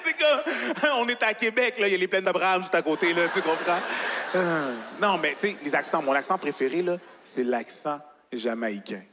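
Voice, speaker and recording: A young man with a Quebec French accent doing an animated stand-up set on a large gala stage, talking straight to the audience. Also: sits high, moderate pace, background noise. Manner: animated, chatty, addressing the audience directly. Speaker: stand-up comedian. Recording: reverberant live hall, faint ambience.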